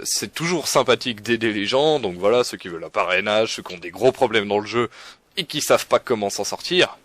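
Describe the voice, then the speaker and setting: Rambling young man, low dry voice. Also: fairly bright tone, dry recording. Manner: rambling, self-mocking, many fillers and restarts. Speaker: forum guide presenter. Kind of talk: casual screen-recorded walkthrough.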